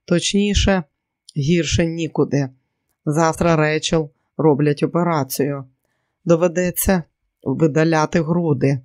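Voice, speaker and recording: A man voicing a gentle, subdued husband on the phone in an audiobook. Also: fairly high pitch, unhurried, no echo, clean studio sound, close to an everyday voice. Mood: somber.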